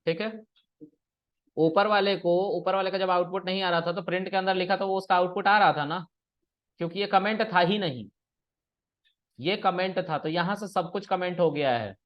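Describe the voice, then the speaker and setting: A man's voice: sits high, moderate pace, long pauses. A man teaching programming in a casual classroom way, explaining step by step and checking that students follow. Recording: dull lo-fi recording.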